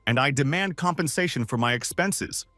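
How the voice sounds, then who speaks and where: A man voicing a rude bald male hunter who shouts his demands. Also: medium pitch, animated, moderate pace, dry recording, faint music behind, pitched above the performer's own voice. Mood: angry shouting.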